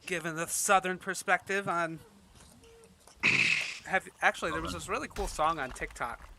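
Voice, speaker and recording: A man's voice: high voice, steady tone, normal speed, very noisy. A man hosting a stream, talking loosely with lots of fillers and frequent laughter. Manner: laughs often, loose and chatty with many fillers. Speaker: stream host. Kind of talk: casual chat.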